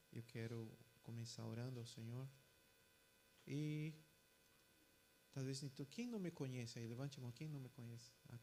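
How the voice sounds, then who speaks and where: A man's voice: mid-range voice, background noise. A man from Peru with a Peruvian Spanish accent, a pastor speaking Portuguese, chatting with his congregation and then praying fervently. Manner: casual chatty introduction, then fervent loud prayer. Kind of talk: sermon and prayer. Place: church.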